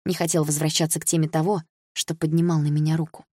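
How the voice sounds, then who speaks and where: Husky, lower-pitched woman narrator, first-person audiobook read, dry studio sound. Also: level tone, fast, darkish tone, no room sound.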